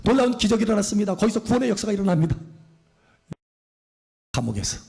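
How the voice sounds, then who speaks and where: Pastor guy preaching hard, high voice, keeps asking the crowd stuff. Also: sing-song, quick pace, creaky. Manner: fervent preaching, shouts hallelujah, asks the congregation questions. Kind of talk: sermon.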